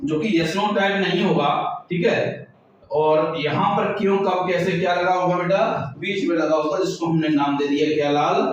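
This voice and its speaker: A male teacher giving a grammar lesson, explaining slowly, asking his students questions and answering them himself. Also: fairly high pitch. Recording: echoey room, far from the mic, dull lo-fi sound.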